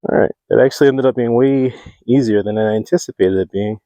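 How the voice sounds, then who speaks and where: A man's voice: mid-range voice, brisk, dark tone, no room sound. A man vlogging while he does outdoor building work. He thinks aloud with lots of fillers, talks into a close clip-on mic and breathes heavily from the work. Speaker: homesteading vlogger. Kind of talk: casual talk while working. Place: outdoors at a homestead. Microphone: small clip-on mic close to the mouth.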